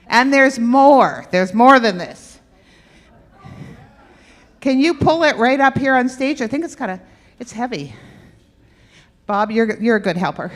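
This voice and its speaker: Speaking slowly and pausing often, a health workshop presenter with a somewhat high voice teases and quizzes the crowd during her lively, interactive talk. Her words ring through a church hall with a stage and aisle, trailing a long reverb.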